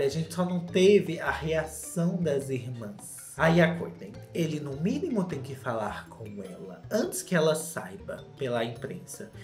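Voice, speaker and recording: A young man with a Brazilian Portuguese accent recapping a reality show in a campy, dramatic gossip style. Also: darkish tone. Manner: campy, dramatic, acts out quotes in shrill voices. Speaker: reality TV commentator. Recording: roomy echo, faint background music.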